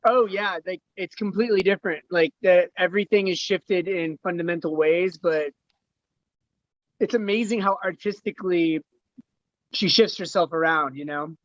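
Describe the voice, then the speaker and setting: A man's voice: high-pitched, moderate pace, no echo, dull audio. A man co-hosting a breathwork session, talking in a reflective, rambling way with many fillers on a group call. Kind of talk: casual group video call chat. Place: home on a mountain by a stream.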